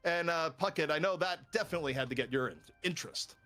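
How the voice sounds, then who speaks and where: A man calling an esports match play by play, building excitement on big moments and offering analysis between fights. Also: on the high side, quick pace, faint music behind. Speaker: esports caster. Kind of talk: hype play-by-play commentary.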